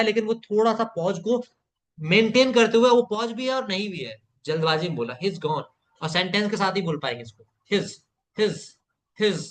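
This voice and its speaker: Man, slightly high voice, spoken english teacher, repeats phrases slowly, praises learners. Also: fairly bright tone. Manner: praises students by name. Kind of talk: live online class, drilling pronunciation.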